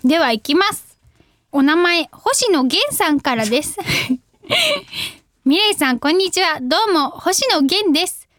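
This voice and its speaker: Reading listener mail on her radio program, this young female host keeps the chat casual, bubbly and giggly, occasionally yelling her catchphrases. She sounds very high-pitched and sing-song, speaking a bit slowly with long pauses.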